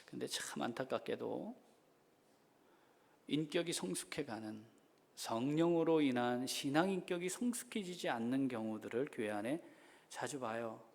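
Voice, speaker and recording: A middle-aged man, a senior pastor, preaching a sermon that swings between loud exhortation and soft, intimate asides. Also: mid-range voice, normal speed, creaky.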